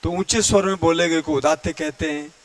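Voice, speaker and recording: A man teaching Hindi grammar in a lecture, who often clears his throat and sings out vowels to show how they sound. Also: a little high, steady tone, no room sound. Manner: explains slowly, chants vowels and Sanskrit verse to demonstrate. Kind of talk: classroom lecture.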